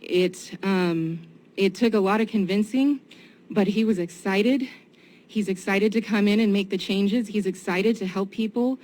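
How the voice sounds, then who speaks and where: A woman giving public comment and answering questions, sincere and somewhat halting. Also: medium pitch, darkish tone. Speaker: citizen giving public comment at a county meeting. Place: indoor public meeting room. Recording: noisy meeting room ambience.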